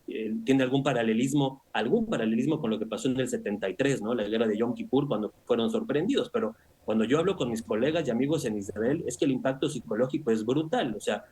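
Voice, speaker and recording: A man speaking as an analyst guest in a news interview, measured and analytical, often tagging his points with rhetorical questions. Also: mid-range voice, animated, darkish tone, husky. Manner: measured, analytical, with frequent "o sea" and "¿no?".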